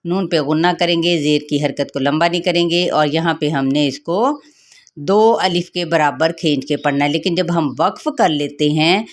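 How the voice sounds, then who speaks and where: Slightly low-voiced woman teaching tajweed. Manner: slow, drawn-out melodic recitation of verses; patient, step-by-step instructional explaining. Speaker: Quran recitation teacher. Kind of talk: tajweed lesson, recitation then explanation.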